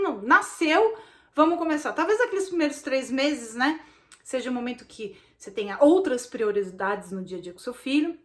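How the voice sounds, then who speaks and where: A woman with a Brazilian Portuguese accent gives a casual recorded online lesson as a course instructor. She explains things in a chatty way and often checks in with short tag questions. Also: high-pitched. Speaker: baby sign language course instructor.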